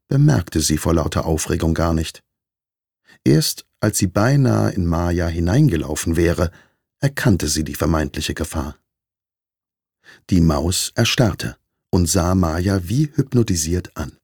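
Low gravelly guy reading a storybook, husky, bouncy melody, dry close sound. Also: no echo. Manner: expressive, measured reading. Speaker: narrator.

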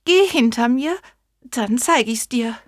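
A woman voicing a small, clever, boastful mouse in a storybook reading, talking slowly. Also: animated, no echo, studio quality. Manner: squeaky, bold and bragging.

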